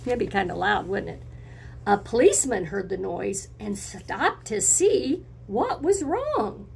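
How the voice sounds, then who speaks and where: A woman teacher reads a picture book aloud to young children in a mid-range, sing-song voice that is unhurried, creaky and a little breathy. She speaks expressively in simple phrases and asks her listeners encouraging questions.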